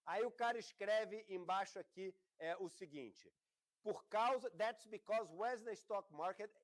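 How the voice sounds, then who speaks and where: A man's voice: sits high, measured pace. A man with a Brazilian Portuguese accent teaching an investment class in a conversational, explanatory way. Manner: explanatory, conversational, acts out quoted voices. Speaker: investment course instructor. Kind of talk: classroom lecture.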